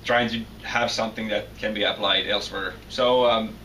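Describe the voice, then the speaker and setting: Young Finnish-accented male grad student, bright tense tone, stumbling answers, distant mic with faint hiss. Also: fairly low pitch, steady tone, moderate pace. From Finland. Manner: hesitant, many restarts and repeated words. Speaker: PhD student guest. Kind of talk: interview answers.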